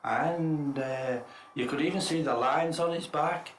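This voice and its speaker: A man's voice: a little high, unhurried. An older man, a retired coal miner telling a fond anecdote in a chatty way. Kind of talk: casual reminiscing storytelling. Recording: echoey room with hiss.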